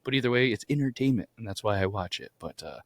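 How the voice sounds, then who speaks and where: A man with a hoarse, grating voice from too much yelling, chatting casually as a podcast co-host. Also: lowish voice, expressive, quick pace, no room sound.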